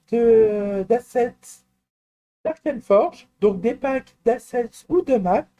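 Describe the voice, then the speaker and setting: A man presenting a screen-recorded software walkthrough, talking in a hesitant, explanatory way with frequent fillers and restarts and personal asides. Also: very high-pitched. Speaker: tutorial presenter.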